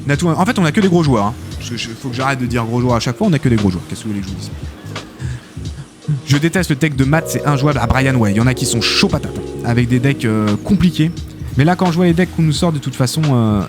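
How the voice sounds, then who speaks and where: Excitable male game caster over music. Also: medium pitch, fast talker. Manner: excitable, chatty, frequent filler interjections. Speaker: esports tournament host and caster. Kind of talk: live game commentary.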